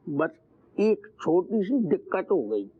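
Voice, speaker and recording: A man's voice: sits high, big pitch swings, slow, husky, highs cut off, heavily acted. A man acting as a rustic police officer who speaks deferentially to his boss. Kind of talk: sitcom acting.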